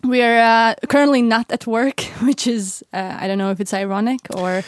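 A woman's voice: a little high, steady tone, moderate pace, dry recording, studio quality. A young woman from Latvia co-hosting a podcast in casual chat, talkative and repeating her phrases. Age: young adult. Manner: chatty, laughing, repeats phrases. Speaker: podcast co-host.

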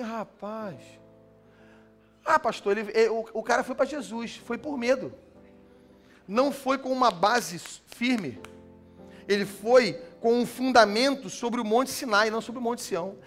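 A man preaching a sermon as a pastor, animated, swinging from loud emphatic lines to soft, slow ones. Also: extremely high pitch, faint music behind.

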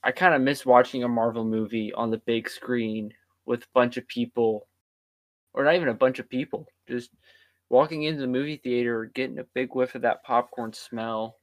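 A tired man chatting casually as a podcast co-host, drifting from point to point with a middle-pitched voice. The sound is close and dry. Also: steady tone, normal speed, dry recording. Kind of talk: casual chat.

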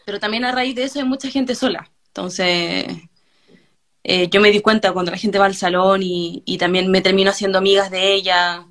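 A young Chilean woman chatting in an interview, telling stories in an animated way and acting out quotes. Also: medium pitch, normal speed. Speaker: guest, hairdresser. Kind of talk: casual interview chat.

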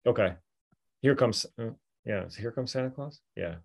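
A man's voice: mid-range voice, animated, moderate pace, vocal fry. A man co-hosting a podcast, laid back, mostly giving short agreeing replies. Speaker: podcast co-host. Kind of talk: casual chat.

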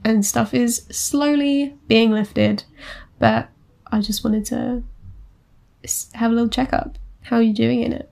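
Playful young woman with a gravelly edge. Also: a little high, fairly even intonation, measured pace, darkish tone. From Essex, England. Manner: playful, teasing, chatty. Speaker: podcast co-host. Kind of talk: casual chat.

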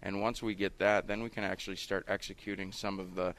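A man in his thirties, a high school hockey coach, explaining earnestly in a radio interview, his voice muffled by a face mask. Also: level tone, a little fast, fairly bright tone. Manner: earnest, explanatory, frequent "you know".

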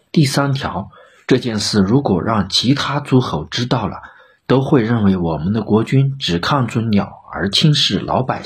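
A man gives voice to a wise old chancellor in an audio storybook. The voice is low and very husky, steady and stern, spelling out his reasoning point by point as if correcting a ruler. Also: full character voice. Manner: measured, admonishing. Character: shrewd old male chancellor, calm and stern.

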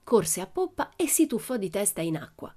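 A woman narrating a children's storybook in a steady, even storytelling manner. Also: medium pitch, moderate pace, soft background music. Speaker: audiobook narrator. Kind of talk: storybook reading.

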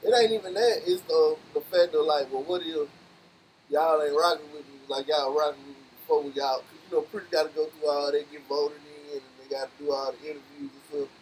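A man's voice: fairly high pitch, fairly even intonation, a little fast. A man in a casual chat, telling stories in slangy speech and repeating phrases for emphasis. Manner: slangy, repetitive emphatic storytelling. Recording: noisy room recording.

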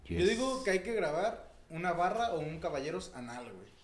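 A man's voice: high voice, very animated, a little fast. A man with a Mexican accent, a podcast guest telling stories in a laid-back, slangy way. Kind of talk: casual podcast chat. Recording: roomy echo.

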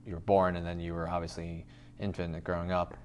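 A man's voice: low voice, flat delivery, brisk, a little mellow, slight background noise. A man hosting a casual conversation, asking curious follow-up questions. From Korea. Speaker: host.

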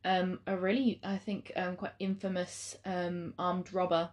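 A woman's voice: lowish voice, flat delivery, a little slow. A woman co-hosting a true-crime podcast, talking casually and trailing off with fillers. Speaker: podcast co-host.

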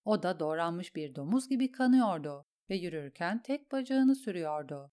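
A woman narrating an audiobook in a steady, measured storytelling voice. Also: fairly low pitch. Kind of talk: audiobook reading.

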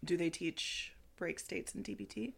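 A woman in her thirties co-hosting a podcast in relaxed casual chat, with many fillers, sometimes dropping to a near whisper. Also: fairly low pitch, a little slow, gravelly, slightly rough. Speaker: podcast co-host.

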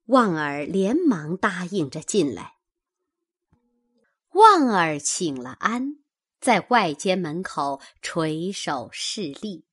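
A woman narrating a classical novel with expressive, dramatic storytelling. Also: lowish voice, slow, slightly rough.

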